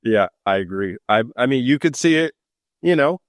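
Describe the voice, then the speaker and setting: This man, a psychic and mentor hailing from Los Angeles, United States, speaks at a moderate pace in a mid-range voice during a casual podcast interview. His manner is loose, relaxed and joking. It's a dry, studio-quality recording.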